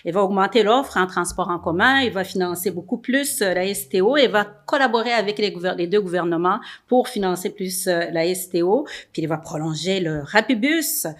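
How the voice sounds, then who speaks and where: A woman's voice: medium pitch, expressive, fairly quick, few pauses. A woman moderates a studio panel of young people. She hesitates often, with many fillers between her phrases. She adds upbeat little comments as she goes. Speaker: host and moderator.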